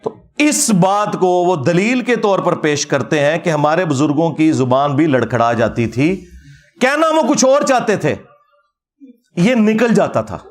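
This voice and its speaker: A man giving an animated, mocking religious rebuttal lecture as a preacher. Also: on the high side, unhurried. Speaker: Islamic preacher.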